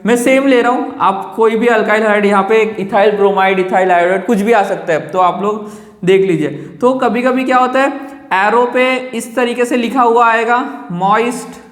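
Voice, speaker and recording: A male chemistry teacher giving a lecture. He keeps asking rhetorical questions and answering them himself, and he repeats key terms slowly. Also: sits high. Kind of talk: classroom lecture. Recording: echoey room with long reverb.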